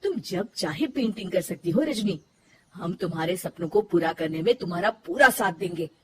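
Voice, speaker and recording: A woman voicing a concerned, gentle young husband in a cartoon story, asking and pleading. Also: fairly low pitch, lively intonation, normal speed, noisy background, close to an everyday voice. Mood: reassuring. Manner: pleading, questioning.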